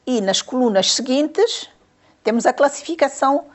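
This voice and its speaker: A woman's voice: high voice, lively intonation, normal speed. A woman teacher giving a grammar lesson to young pupils, patiently repeating questions and counting syllables aloud.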